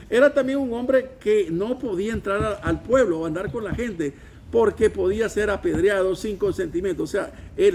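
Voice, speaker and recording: A man preaching a sermon in a church, with a high, gravelly voice. He preaches with emphasis and has the congregation repeat his words back to him. Faint noise sits behind the recording. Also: darkish tone. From Venezuela. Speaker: pastor.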